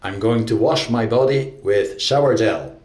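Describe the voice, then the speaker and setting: Male English teacher, slow and deliberate, somewhat low voice, roomy recording. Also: very noisy. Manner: clear, deliberate teaching delivery. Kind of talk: slow, simple narration of daily actions.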